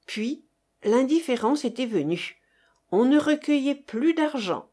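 A woman reading a novel aloud as narration, expressive, voicing the dialogue. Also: high voice, measured pace. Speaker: audiobook reader. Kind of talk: scripted narration.

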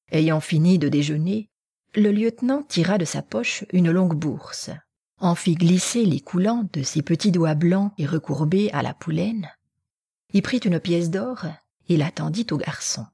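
A woman narrating an audiobook in a hushed, half-whispered way. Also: fairly low pitch, unhurried, husky, dry recording, clean studio sound.

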